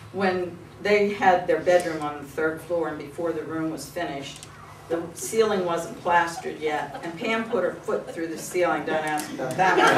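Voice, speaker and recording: An older woman giving an informal eulogy, telling fond personal stories in a conversational way. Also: on the low side. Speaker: eulogy speaker at a memorial service. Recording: echoey, distant mic with room noise.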